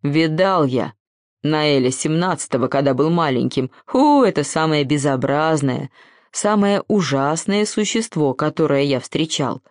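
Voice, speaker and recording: A tiny, doddering old spider, as a woman reader puts him on, shrill and cranky, jumping between squeaky outbursts and slow grumbles. He cackles at what he mocks, in a dry, close storybook reading. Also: animated, a little mellow, dry recording. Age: older.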